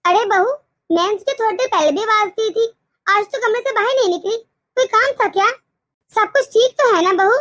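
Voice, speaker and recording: A bossy, tired mother-in-law grumbles and scolds in this cartoon story, voiced by a woman. The voice sits very high and sounds dry and close. She nags in a controlling way. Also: normal speed, fairly bright tone, no echo. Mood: prying. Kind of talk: cartoon voice acting.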